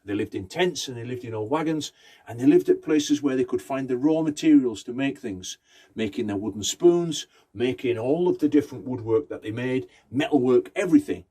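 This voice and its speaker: A Romani storyteller tells an oral folktale conversationally, in short phrases with rhythmic repetition. His mid-range voice is warm with a breathy edge, moving at normal speed with lively intonation.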